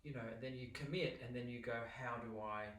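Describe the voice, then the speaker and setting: A man's voice: medium pitch, brisk, fairly bright tone. A man hosting an interview, asking rambling, chatty questions and often affirming with "yeah". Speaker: interviewer host. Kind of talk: casual interview chat. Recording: roomy sound, distant mic.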